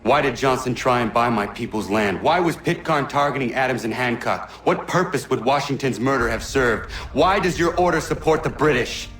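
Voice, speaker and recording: An actor playing an earnest, stern young avenger in a video game, questioning formally and demanding answers. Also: male voice, mid-range voice, moderate pace, hardly any pauses, fairly bright tone, natural voice. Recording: roomy echo.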